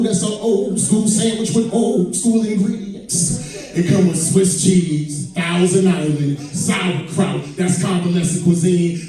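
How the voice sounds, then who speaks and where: With a high, mellow voice, this stand-up comic in his mid-forties tells profane, conversational stories to an audience. He's performing at an indoor comedy venue, recorded on a distant mic in a very echoey live room.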